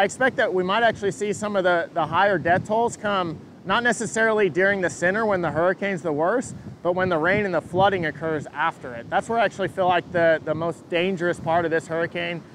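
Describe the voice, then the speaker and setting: A man giving an unscripted live weather update as a forecaster, answering questions in a halting way and repeating words as he thinks. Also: fairly bright tone, rough recording. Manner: hesitant, halting, repeats words mid-thought. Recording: engine rumble and wind noise.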